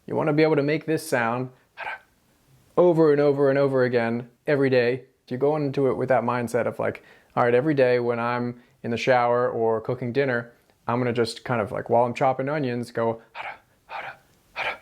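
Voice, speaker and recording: A man's voice: mid-range voice, fairly even intonation, fast, a little mellow. A man with an American accent explains pronunciation in a casual tutorial style, demonstrating tapped and rolled R sounds with repeated example syllables and words. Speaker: language teacher.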